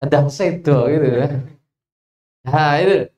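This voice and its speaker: Slow Javanese-accented Quran teacher, echoey room. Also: mid-range voice, darkish tone. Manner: asks the listeners questions and answers them, stretches out example verses. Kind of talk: Quran recitation lesson.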